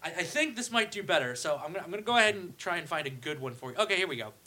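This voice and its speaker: A man's voice: on the high side, rapid-fire. A man co-hosting a comedy podcast, chatting casually and animatedly, often laughing. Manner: animated, laughing, reads tweets aloud in joke voices. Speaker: podcast co-host.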